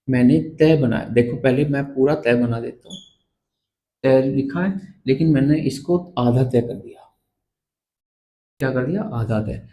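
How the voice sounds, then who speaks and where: A man teaches a grammar lesson at the blackboard in a mid-pitched voice. He talks slowly and deliberately. He repeats each key word and asks the viewer to say it back. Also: dark tone, poor audio. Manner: slow, repeats terms and quizzes the viewer. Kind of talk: blackboard lesson explaining letters.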